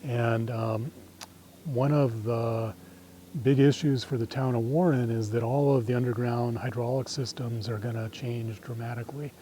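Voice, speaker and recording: Man, middle-aged, mellow soft-edged tone, mid pitch, walk guide, thoughtful, tentative, trailing phrase endings. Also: steady tone, normal speed, slight background noise. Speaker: guide leading a nature walk. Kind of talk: informal guided-walk talk. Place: outdoors on a farm trail.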